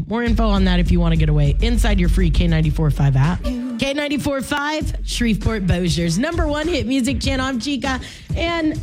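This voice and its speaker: A woman with a medium-pitched, somewhat dark voice hosts a morning radio show in English, though Spanish is her native language. She keeps it playful and informal, full of chatty asides and slang.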